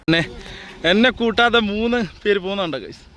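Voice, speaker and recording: A man with a Kerala accent narrating a casual, excited outdoor vlog, mixing English slang into his Malayalam and repeating catchphrases. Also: high voice, fairly quick, a little hiss or hum. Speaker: vlogger. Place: outdoors, in a small boat on water.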